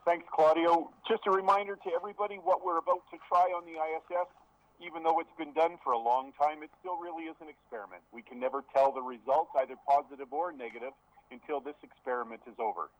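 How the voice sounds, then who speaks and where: A man's voice: on the high side, animated, quick pace, dry recording. A man moderating a live event over a link, handing over to other speakers. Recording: dull, band-limited phone-like line.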